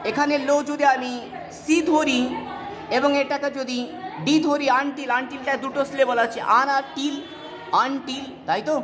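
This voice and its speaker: Lady teacher going over a poem, kinda high voice, lots of hall echo and noise behind, keeps asking if it's clear. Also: level tone, moderate pace, crowd noise. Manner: checks in with rhetorical questions. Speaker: English literature teacher. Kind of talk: explaining a poem in a lesson. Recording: long hall reverb, clear background noise.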